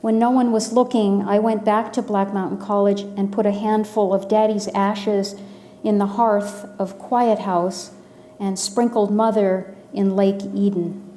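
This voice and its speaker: A woman in her sixties from the Los Angeles area, telling a personal story in a measured, dryly humorous way. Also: mid-range voice, little pitch movement, dark tone, a little hiss or hum. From Los Angeles area, USA.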